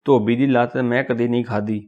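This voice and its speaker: A man's voice: mid-range voice, fairly even intonation, brisk, highs cut off, close to an everyday voice. A man voicing a deaf, doddering old male office clerk who keeps mishearing and asking again. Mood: befuddled. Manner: confused, mishears and asks again.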